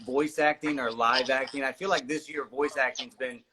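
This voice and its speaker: A man hosting a casual livestream interview, energetic and jokey with lots of fillers. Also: mid-range voice, moderate pace. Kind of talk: casual upbeat livestream chat.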